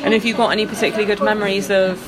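A woman's voice: mid-range voice, flat delivery, very fast, over music. A woman hosting an informal chat on location, speaking in a hesitant, rambling way. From Bristol, England. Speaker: interviewer, host.

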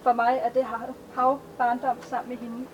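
High-voiced woman reading her poems aloud. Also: flat delivery, noisy background. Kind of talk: poetry reading at a live event. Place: outdoor festival stage.

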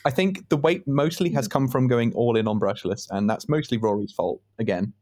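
A man's voice: mid-range voice, moderate pace, a little mellow. A man on a robot-fighting team, joking and laughing often in casual podcast chat. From United Kingdom.

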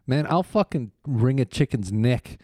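A man's voice: medium pitch, expressive, dark tone, no room sound, clean studio sound. A man from Africa co-hosting a podcast, blunt and profane in casual chat. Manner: blunt, profane, quick to laugh. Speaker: podcast co-host.

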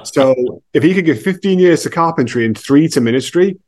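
A man's voice: fairly high pitch, lively intonation, brisk, a little mellow. A man talking as a guest on a podcast, blunt and emphatic, with a slangy casual manner and lots of "like" and "you know". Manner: frequent filler "like" and "you know".

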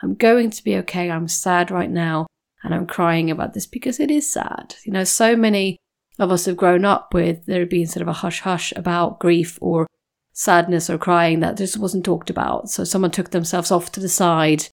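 A woman hosts a podcast interview with a low, gravelly voice. She talks in a reflective, thoughtful way, turning ideas over as she goes. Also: normal speed. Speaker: podcast host.

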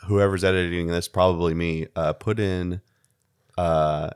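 A young American man co-hosting a casual podcast in a halting, jokey way, often restarting his sentences. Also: deep voice, steady tone, smooth. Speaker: podcast co-host. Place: home studio in a house.

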